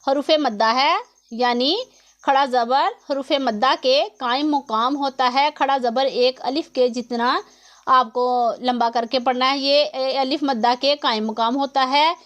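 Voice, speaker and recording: A woman's voice: high voice, unhurried, fairly bright tone. A woman teaching Quran recitation rules, patiently explaining each letter and how long to hold it, recorded close to the mic. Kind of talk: slow step-by-step tajweed lesson.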